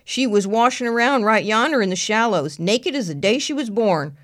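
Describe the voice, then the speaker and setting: A woman voicing a slow-witted male chief deputy with a plain, folksy drawl. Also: fairly high pitch, lively intonation, voice pushed up, close to an everyday voice. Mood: matter-of-fact.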